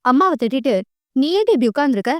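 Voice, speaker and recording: A woman's voice: high voice, expressive, fast, no echo, studio quality. A woman reading an audio novel voices a caring elder sister who scolds and coaxes in her own voice. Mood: scolding. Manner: reproachful, coaxing.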